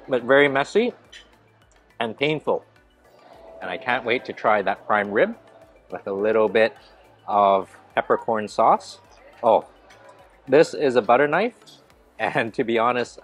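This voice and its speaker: A man in his thirties, a food vlogger, chatting enthusiastically as he walks a big indoor hotel buffet and eats, filmed on a handheld camera at arm's length. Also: lowish voice. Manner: enthusiastic, narrates each dish as he eats. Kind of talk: casual food vlog narration.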